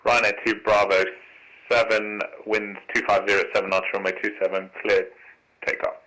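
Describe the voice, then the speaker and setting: A man's voice: fairly low pitch, flat delivery, fairly quick, bright, forceful tone, low-quality recording. A man working as an air traffic controller, giving courteous standard instructions over aviation radio.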